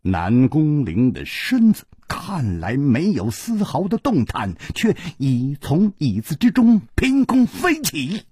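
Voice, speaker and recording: A male storyteller narrates a wuxia tale with theatrical flair. His husky voice sweeps dramatically up and down at a slow, deliberate pace. The recording is dry and close. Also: fairly high pitch, huge pitch swings, dark tone, no room sound. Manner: theatrical, with sweeping rises and falls.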